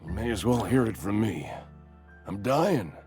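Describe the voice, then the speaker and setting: Doleful, ailing old hypochondriac, swinging pitch. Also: male voice, big pitch swings, a little slow, over music. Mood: doleful, self-pitying. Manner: theatrical, doleful, old-fashioned turns of phrase. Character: fretful ailing hypochondriac old man convinced he's dying of plague. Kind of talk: video game character dialogue.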